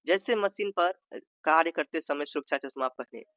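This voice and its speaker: A man with a slightly high voice teaches an exam-prep lesson, repeating each point and acting out sample sentences in different tones. The recording is dry, with no room sound. It is also a little dull and muffled. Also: moderate pace, sharp tone, no room sound. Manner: repeats points, says "ठीक है" often, acts out sample tones. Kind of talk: explanatory Hindi lesson.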